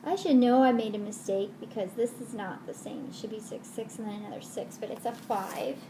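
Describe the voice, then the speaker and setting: A woman's voice: a little high, steady tone, brisk. A woman teaching young children math in the simple, sing-song manner of a kids show host. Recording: roomy echo with faint noise.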